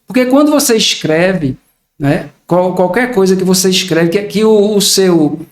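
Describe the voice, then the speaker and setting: A man's voice: sits high, expressive, a little slow, reverberant. An older man, a podcast guest talking in a reflective way and acting out everyday examples. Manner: reflective, explains with acted-out examples. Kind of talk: casual podcast conversation.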